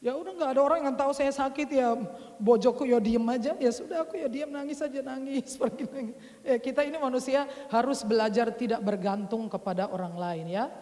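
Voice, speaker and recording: A woman preaching a sermon in a chatty storytelling manner, rising at times to loud exhortation. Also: high voice, a little fast. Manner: conversational storytelling, swings from soft to loud exhortation. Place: large church hall. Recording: long church hall reverb.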